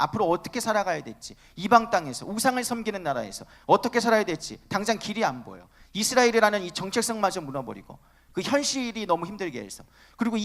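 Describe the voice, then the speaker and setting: High, lively-voiced male preacher. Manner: emphatic, asks the listeners rhetorical questions. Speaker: youth preacher. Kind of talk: sermon.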